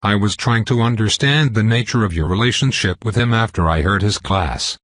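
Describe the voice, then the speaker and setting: A man's voice: lowish voice, moderate pace, fairly bright tone, dry recording, clean studio sound. A man narrating a storybook, voicing a cautious, guarded young male student. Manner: careful, guarded.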